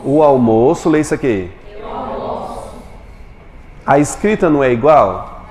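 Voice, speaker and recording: A man's voice: medium pitch, animated, a little mellow. Brazilian male teacher in an echoey classroom. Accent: Brazilian Portuguese. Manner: quizzes students with quick questions. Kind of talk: classroom lecture. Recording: echoey classroom with long reverb, faint noise.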